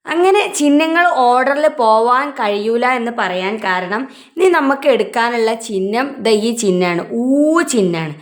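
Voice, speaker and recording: A woman with a Malayali accent teaching a children's alphabet lesson, asking questions and answering them herself with drawn-out syllables. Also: high voice.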